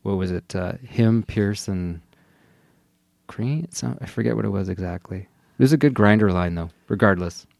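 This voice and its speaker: A man's voice: on the low side, normal speed, creaky, a little mellow, no room sound, studio quality. A man co-hosting a sports podcast in casual hockey chat.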